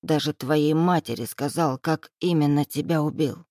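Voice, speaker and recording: A reader voicing a cruel, dying older man bound to a bed, hoarse and sneering, in an audiobook. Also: mid-range voice, moderate pace, darkish tone, no echo, clean studio sound, lightly acted. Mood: gloating menace. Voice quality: hoarse, wheezing. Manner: sneering, hissing, gloating. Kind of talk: audiobook character voice.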